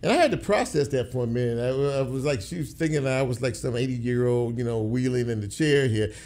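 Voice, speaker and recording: A man's voice: medium pitch, a little fast, a little mellow. Man, middle-aged, radio host, rambling casual talk, studio mic. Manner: rambling, repeats words.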